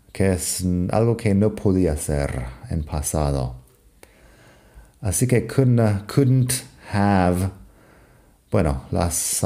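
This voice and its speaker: A man's voice: deep voice, mellow. A man whose first language is English hosts a podcast language lesson, patiently explaining and reading example sentences aloud before translating them. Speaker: English teacher and podcast host.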